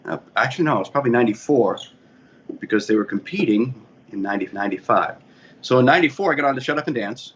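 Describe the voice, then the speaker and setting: A guest on a casual interview, this DJ and bar manager from the Boston area, USA, talks with a medium-pitched, fairly bright voice, lively intonation and a quick pace. He rambles through his career story with a Boston accent, often correcting himself. The audio is muffled, with faint ambient noise.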